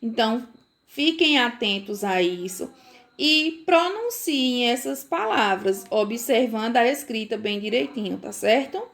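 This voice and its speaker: A woman from Brazil who teaches young children, giving a recorded phonics lesson, sounding out words slowly and checking often that the children follow. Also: a little high, expressive, gravelly, fairly bright tone. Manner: slow, careful pronunciation with frequent checks for understanding. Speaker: primary school teacher.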